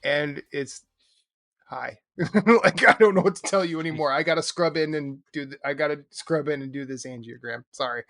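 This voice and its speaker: A man's voice: on the high side, moderate pace, a bit bright, no room sound, faint music behind. A man in his forties, a podcast guest, joking dryly in casual chat. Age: 40s. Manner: dry, joking.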